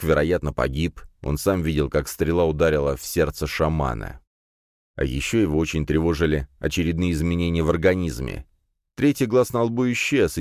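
A man reading a fantasy audiobook aloud in steady first-person storytelling. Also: very deep voice, dry recording, clean studio sound. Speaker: audiobook narrator. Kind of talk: scripted audiobook narration.

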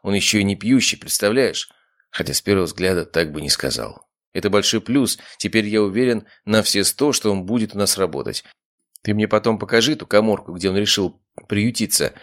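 A man's voice: fairly low pitch, a little fast, a bit bright. A man reading an audiobook voices the ghost of a blunt, joking Soviet-era man.

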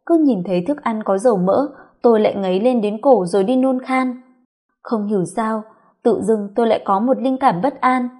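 A woman's voice: fairly high pitch, moderate pace, darkish tone, husky. A woman narrating a first-person audio story in a confiding, reflective way.

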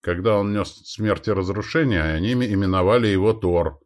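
A man reading an audiobook aloud as narrator, with expressive storytelling. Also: lowish voice, fairly quick.

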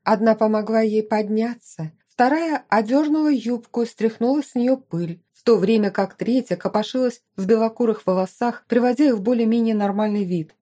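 A woman narrating a fantasy novel in the first person, with expressive storytelling. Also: on the high side, normal speed, few pauses. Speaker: audiobook narrator.

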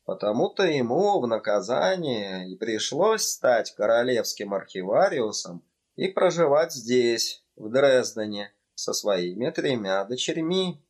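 A male reader voicing an excitable young student in a storybook, fervent and a bit raised. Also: medium pitch, unhurried, slightly rough, exaggerated voice. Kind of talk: audiobook character voice.

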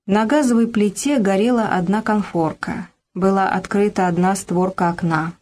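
A woman narrating a novel as an audiobook, in a steady, even reading voice. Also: mid-range voice, normal speed. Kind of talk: literary narration.

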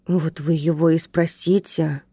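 A woman's voice: deep voice, level tone, measured pace, dark tone, breathy edge, no room sound, exaggerated voice. A woman voicing a short, round, middle-aged male security guard who talks in an officious, barking way.

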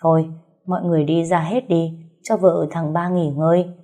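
A woman voicing a calm father-in-law who heads the house, speaking in a reassuring way. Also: on the low side, normal speed, soft background music, natural voice.

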